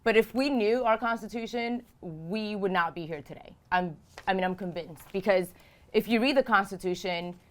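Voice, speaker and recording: A woman's voice: mid-range voice, moderate pace. A woman in her thirties from Romania, answering interview questions as a political candidate, earnest and emphatic, repeating phrases for emphasis. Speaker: House candidate.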